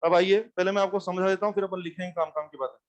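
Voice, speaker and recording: High-voiced physics teacher. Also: male voice, racing. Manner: animated, repeats questions to students. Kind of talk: classroom lecture.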